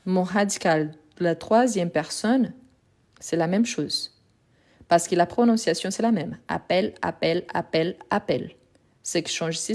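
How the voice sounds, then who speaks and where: A woman's voice: lowish voice, a little mellow. A woman teaching French grammar in a live lesson, patient and methodical, repeating examples step by step, Portuguese her first language.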